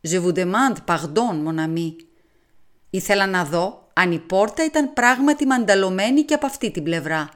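A woman's voice: mid-range voice, animated, close to an everyday voice. Woman voicing a soothing, fussy male detective, storybook, French phrases. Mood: polite. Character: fussy polite foreign male detective, middle-aged.

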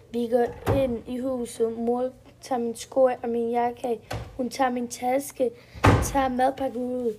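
Woman storyteller, first-person kids' tale, simple sentences, mellow tone. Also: fairly high pitch, a little hiss or hum. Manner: simple short sentences, step-by-step telling.

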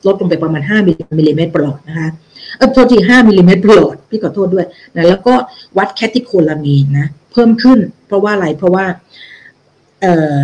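A woman's voice: fairly low pitch, dark tone, low-quality recording. Explanatory woman lecturing on a study. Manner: explanatory, with frequent check-in questions; mixes English medical terms into her speech. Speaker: health educator. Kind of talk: lecture walking through a research paper.

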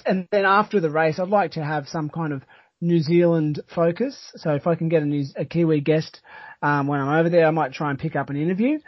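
An Australian man hosting a podcast in casual chat, talking in a halting, rambling but enthusiastic way. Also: a little high, no echo. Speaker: podcast host. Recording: dull, lo-fi sound.

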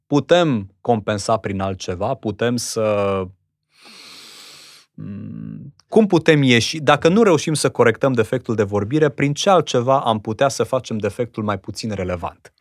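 A man hosting a podcast as a voice and diction teacher, asking his guest careful questions in clear, articulate speech. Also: mid-range voice, animated, dry recording, clean studio sound. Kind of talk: podcast interview.

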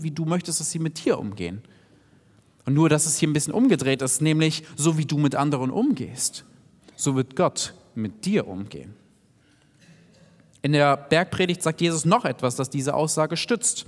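A man preaching a sermon in an earnest, direct way, sometimes dropping to soft asides. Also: on the high side, animated, moderate pace. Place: church hall. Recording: long hall reverb.

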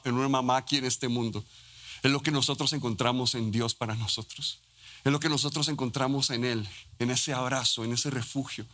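A Costa Rican pastor preaching a sermon in a fervent way, often restarting and adding tag questions. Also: male voice, medium pitch, a bit bright. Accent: Costa Rican Spanish. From Costa Rica.

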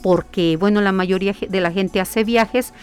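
Earnest woman explaining slowly. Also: mid-range voice, fairly even intonation, smooth, soft background music. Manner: earnest, repetitive, explaining with rhetorical questions. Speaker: guest, spiritual hiking workshop leader. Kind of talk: conversational interview.

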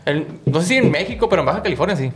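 A man's voice: a little high, rapid-fire, soft background music. A man with a Tijuana accent talking casually and slangily as a podcast co-host. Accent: northern Mexican, Tijuana. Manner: relaxed, slangy, asks questions. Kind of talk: casual chat.

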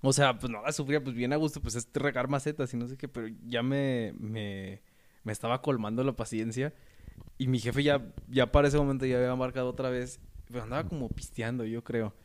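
A young Mexican man spins a loose, slangy anecdote in relaxed conversation. His voice sits at an ordinary middle pitch, and he laughs easily as he rambles. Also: fairly quick. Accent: Mexican Spanish. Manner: slangy, rambling storyteller who laughs often. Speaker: podcast host. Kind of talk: casual chat.

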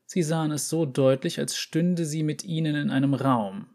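A man reading an audiobook story, voicing a calm, unsettling female runesmith who speaks with measured authority. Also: a little high, pitched above the performer's own voice, lightly acted. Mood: calm, authoritative.

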